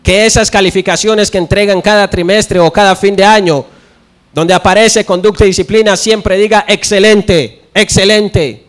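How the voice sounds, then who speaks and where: A man's voice: sits high, steady tone, moderate pace. A young man preaching a sermon, telling stories and acting out the dialogue.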